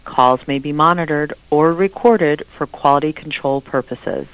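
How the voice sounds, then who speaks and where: A recorded phone menu message played over a phone line, reading options in slow, evenly spaced prompts. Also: medium pitch, no echo.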